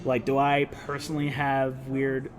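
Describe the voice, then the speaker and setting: A man's voice: mid-range voice, completely flat delivery, moderate pace, faint music behind. A man with a Utah accent casually talking through a painting tutorial, laid-back and dropping his T's. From Utah, United States. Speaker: host, miniature painting instructor.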